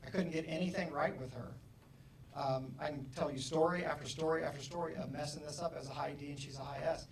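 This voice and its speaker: A middle-aged man giving an animated motivational talk to an audience, acting out bits of dialogue with loud bursts. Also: a little high, quick pace, a little hiss or hum. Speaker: motivational speaker. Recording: roomy, distant hall mic, faint ambience.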